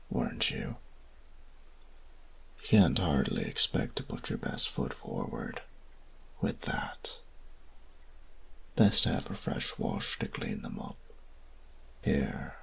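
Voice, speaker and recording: In a fantasy audio drama, a male creature of darkness speaks in an extremely low, gravelly, crackling voice that slips into breathy near-whispers. His heavily acted delivery is slow, formal and measured, teasing and coaxing with arch politeness and a quietly sinister, courtly edge.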